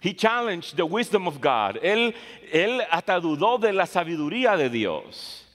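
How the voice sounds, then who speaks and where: A man preaches slowly with a fairly high voice that rises and falls a great deal. He leans on words and repeats phrases for stress. The long reverb of a large church hall hangs on every line. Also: big pitch swings. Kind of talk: bilingual sermon, English and Spanish in turn.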